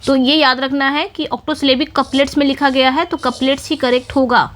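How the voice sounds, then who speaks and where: Woman tutor, high register, patient exam-prep lecture, reads questions slowly. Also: steady tone, fairly bright tone. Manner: explains in Hindi, reads English questions slowly. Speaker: English literature teacher.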